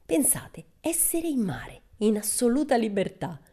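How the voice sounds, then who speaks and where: A woman's voice: a little high, very animated, unhurried, warm tone, slightly rough, pitched above the performer's own voice, heavily acted. A woman voicing a boisterous, cheerful young girl adventurer who keeps exclaiming with delight, in a storybook reading. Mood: exuberant. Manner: exuberant, exclaiming.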